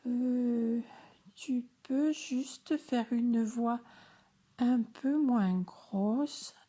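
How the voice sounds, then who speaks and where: A fussy little girl frog from a picture book, as a woman reading aloud puts her on, with a voice pitched up high and childlike. She sounds breathy and soft. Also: drawn-out words.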